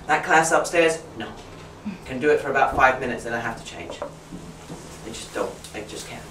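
A woman leading a teacher training workshop, brisk and chatty, who keeps checking in with "right?". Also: lowish voice, a bit bright, a little hiss or hum. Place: classroom. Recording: roomy classroom from far off.

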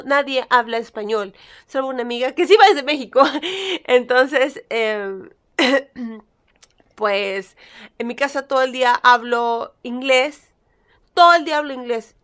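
A woman's voice: sits high, measured pace, clean tone. A young Peruvian woman with a Spanish accent that carries some Mexican touches, chatting playfully to camera and answering critics with mock sweetness. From Peru. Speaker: vlogger. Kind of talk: casual chat to camera.

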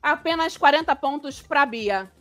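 A woman hosts a live reaction stream in a high, bright-pitched voice, chatting and exclaiming as she reads viewer comments aloud. Her sound is dry and close, with faint music underneath. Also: lively intonation, measured pace, no room sound.

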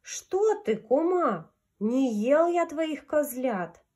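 Woman voicing a sly, high-pitched storybook wolf. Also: big pitch swings, drawn-out words, mellow, full character voice. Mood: feigned innocence. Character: sly hungry male wolf posing as mother. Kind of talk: storybook character reading.

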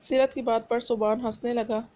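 A woman narrating a romance novel aloud in a steady, even way. Her voice sits fairly high but sounds mellow and soft. The melody stays flat from line to line. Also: moderate pace.

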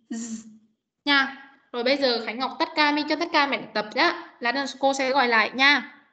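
A woman's voice: sits high, bright, forceful tone. A woman teaching an online class, patiently coaching young students on pronunciation and modelling each sound again and again over a video call. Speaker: English teacher. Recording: dull muffled video call audio.

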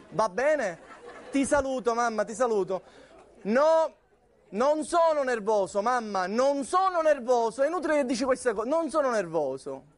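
A Sicilian man in his thirties on a theatre stage, doing a comic one-sided phone call in an anxious, placating manner. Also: very high voice. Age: 30s. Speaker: comedian.

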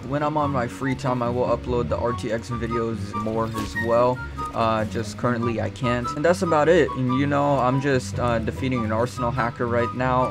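Young man, gaming commentary, mid-pitched voice, slangy, rambling, conversational, music in the background. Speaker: gaming video creator and streamer. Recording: music behind the voice.

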